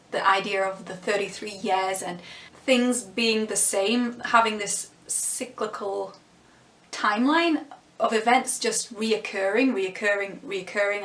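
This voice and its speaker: A woman vlogger muses over a TV series she's reviewing, restarting sentences and laughing softly, and says she's losing her voice. It's mid-range and fairly bright, in a roomy-sounding space, as she offers casual, thoughtful commentary.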